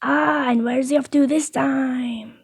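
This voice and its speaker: A woman's voice: sits high, fairly even intonation, takes it slowly, gravelly, breathy edge, no echo, exaggerated voice. A woman voicing a chatty, nosy male baker in a story reading, friendly but prying.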